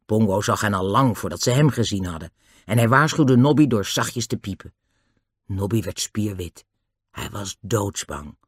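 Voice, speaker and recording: A man reading a children's adventure story aloud, in a lively, expressive way. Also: on the low side, moderate pace, husky, dry recording, studio quality. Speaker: narrator. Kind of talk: audiobook narration of a children's book.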